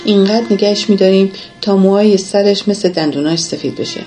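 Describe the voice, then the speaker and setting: A woman's voice: medium pitch, mellow, faint music behind, lightly acted, low-quality recording. A woman voicing a harsh male security officer who threatens in a narrated story. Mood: threatening.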